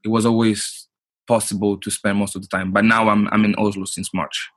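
A husky, fairly low male voice, recorded dry and close. He is in his thirties and talks in a relaxed, halting way, restarting sentences and filling gaps with "you know, like.". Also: no room sound. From Portugal. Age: 30s. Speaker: guest. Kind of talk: casual interview.

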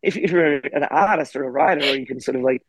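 Middle-aged Australian guest, slightly high husky voice, animated storyteller. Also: male voice, fast talker, dry recording. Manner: animated, acts out quoted voices. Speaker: guest, historian and author. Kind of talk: casual anecdotal storytelling.

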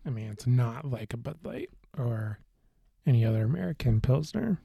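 A man co-hosting a podcast in casual beer-tasting chat, relaxed and hesitant, with many fillers and restarts. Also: mid-range voice, moderate pace, gravelly, slightly rough, no echo, lo-fi sound. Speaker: podcast co-host.

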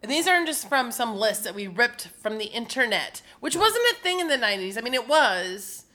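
A woman in her thirties co-hosting a podcast in casual chat, excitable and playful, swearing freely. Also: a little high, a little fast. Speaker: podcast co-host.

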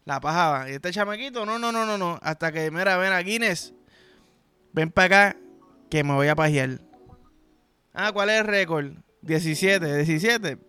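A man's voice: high voice, normal speed, sharp tone, faint music behind. A young man with a Puerto Rican accent, hosting a podcast in a crude, rambling comedic monologue full of slang. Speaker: podcast host.

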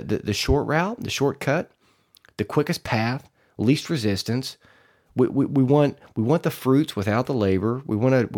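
A man's voice: mid-range voice, a little mellow. A man hosting a podcast, talking in a casual motivational monologue with a rambling, folksy manner. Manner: rambling, repeats words, folksy. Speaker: podcast host.

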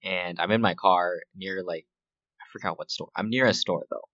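Male podcast co-host, deep voice, casual storyteller, dull dry recording. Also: moderate pace, fairly bright tone, no room sound. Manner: laid-back storytelling, laughs often. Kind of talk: casual chat.

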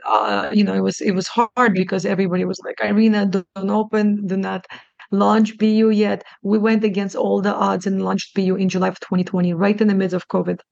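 A middle-aged woman who grew up in New York after being born in Russia, speaking with a gravelly, fry-edged voice in a narrow, even pitch. She talks haltingly and earnestly, restarting her sentences, and the sound is dry and slightly dull, as if on a lo-fi line. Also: dry recording. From born in Russia, raised in New York. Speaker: guest, clinic CEO. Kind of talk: casual podcast interview.

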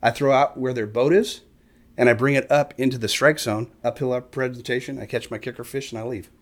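Middle-aged guy, animated, breaks into goofy voices for other fishermen. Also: medium pitch, a little fast. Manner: animated storyteller, acts out other anglers in voices. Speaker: fishing guest expert. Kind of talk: casual chat.

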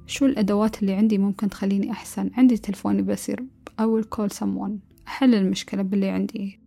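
A woman giving a calm, earnest motivational talk, now and then mixing in English words. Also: mid-range voice, vocal fry. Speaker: motivational speaker.

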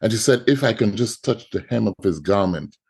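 Here the same kind of speaker, a middle-aged Trinidadian guest artist on a podcast interview, sounds lowish, husky and a little mellow. He's animated and brisk, recounting his story with frequent repeated words.

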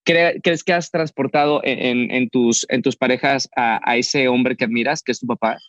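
A man's voice: medium pitch, steady tone, normal speed, fairly bright tone, dry recording. Man, podcast host, reflective questions, dry, slightly muffled. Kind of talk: casual interview conversation.

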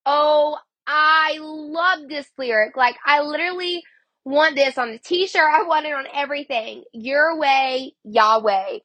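A sniffly woman with a cold hosts a casual devotional podcast, talking chattily and using "like" heavily. Her high voice is sharp in tone and measured in pace. The recording is dry and the audio dull.

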